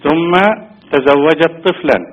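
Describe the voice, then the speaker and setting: Man on a phone line, husky voice, muffled lo-fi sound, slow careful caller. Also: on the high side, steady tone. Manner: slow, careful, halting explanation. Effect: heard over a phone line. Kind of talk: asking a question on a call-in show.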